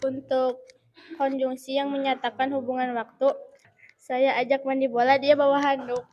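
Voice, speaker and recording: A woman's voice: sits high, little pitch movement, normal speed, a little mellow, slight background noise. A woman student presenting to a class in a matter-of-fact way, heard on a muffled recording.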